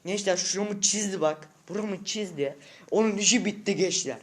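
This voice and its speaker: A man's voice: sits high, normal speed. A male vlogger at home, talking straight to his subscribers in an agitated, slang-heavy rant that keeps repeating the same short phrases. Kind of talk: unscripted casual vlog rant. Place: at home indoors.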